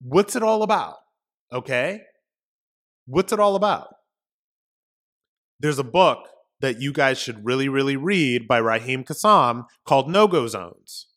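A man's voice: mid-range voice, expressive, a little slow, pauses often, fairly bright tone. Emphatic ranting male podcast host. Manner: rhetorical questions. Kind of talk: political commentary monologue.

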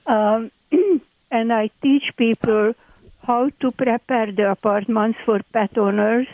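Speaking slowly in a fairly high voice, a Hungarian-accented landlord in her eighties gives a chatty radio interview in broken English. The tinny phone line carries no room sound.

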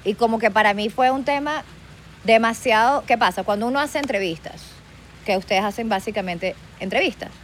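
A woman's voice: fairly high pitch, fairly quick, a little hiss or hum, low-quality recording. Chatty Venezuelan woman, code-switching. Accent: Venezuelan, Caracas. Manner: lively, mixes Spanish and English, laughs often. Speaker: podcast guest. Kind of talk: casual chat.

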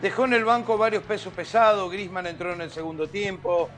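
A man's voice: high-pitched, steady tone, brisk, a bit bright, faint music behind. A man giving conversational football analysis as a pundit, emphatic and repeating words for weight.

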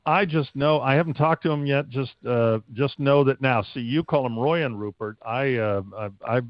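A man's voice: mid-range voice, normal speed, no echo. Dry, dull-sounding American man in interview. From United States. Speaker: stadium announcer being interviewed. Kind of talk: casual interview talk.

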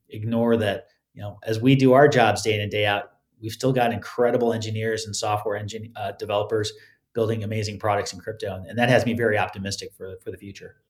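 A man giving considered interview answers as a guest, often halting and repeating words as he starts phrases. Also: fairly low pitch. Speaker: podcast guest, crypto legal expert.

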